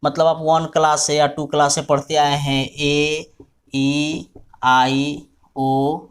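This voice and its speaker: A man with a rather high voice teaches English grammar in a classroom-style lesson, speaking slowly and flatly with a clean tone. Standing before a writing board, he spells words out letter by letter and frequently checks that his students follow.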